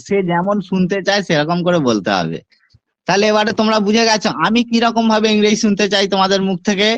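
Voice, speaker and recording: High-voiced man teaching an online class. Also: dry recording, dull audio. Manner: questioning, switches between Bengali and slow deliberate English. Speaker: English teacher.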